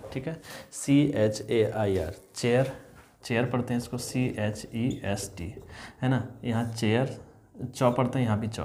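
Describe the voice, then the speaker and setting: There's slight background noise as a male English teacher with a medium-pitched, slightly mellow voice walks young learners through spelling rules. He spells words out letter by letter, says them whole, and repeats each rule several times. Addressing the students as children, he regularly asks if that's clear.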